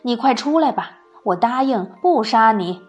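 A furious emperor from a storybook barks out his orders, voiced by a woman storyteller. He sounds commanding and scolding, his lines pushed out loud and strong. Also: on the high side, lively intonation, moderate pace, lo-fi sound, faint music behind, lightly acted. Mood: demanding. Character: angry imperious male emperor.

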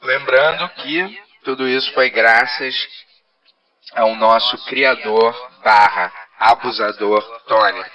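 In a podcast studio, a Brazilian co-host jokes around with a half-robotic voice filter, playfully pretending to be a machine in casual banter. His mid-range voice is slow, pushed, and bright, and the sound is lo-fi.

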